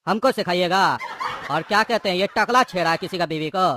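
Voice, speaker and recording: A man's voice: high voice, a little fast, pushed and bright, slight background noise. A voice actor playing a hot-tempered male gangster in a cartoon, taunting and threatening. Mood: mocking. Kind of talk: cartoon voice acting.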